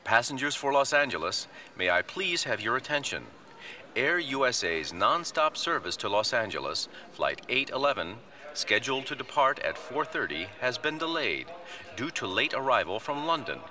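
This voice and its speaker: A man playing an airport gate announcer who gives a formal, clear announcement over the intercom, in a scripted course recording. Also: medium pitch, very animated, normal speed, sharp tone. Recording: distant voice.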